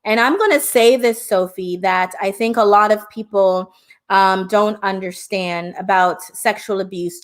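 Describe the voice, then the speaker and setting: The host of this live-stream discussion is a middle-aged hypnotherapist from Jamaica with a mid-range voice. She speaks passionately and frequently turns to address her audience directly.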